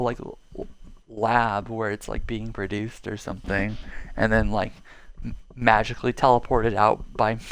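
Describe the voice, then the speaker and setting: A young man giving casual, rambling gameplay commentary to his viewers, full of fillers and the odd swear word. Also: medium pitch. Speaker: gaming video creator.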